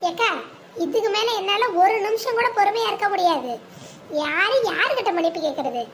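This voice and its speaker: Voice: extremely high pitch, normal speed, a bit bright, a little hiss or hum. A performer voicing a fiery young wife in a cartoon family drama who scolds sharply and combatively. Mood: furious. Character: fiery young wife defending her husband.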